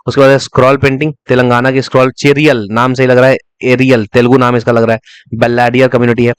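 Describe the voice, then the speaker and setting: A man rattles through a revision lecture at a quick clip. His voice is clear and crisp, and the recording is close and dry. He repeats key words as memory hooks and asks questions that he answers himself. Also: medium pitch, little pitch movement, no room sound. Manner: breaks into short sung snatches to illustrate. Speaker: exam-prep teacher.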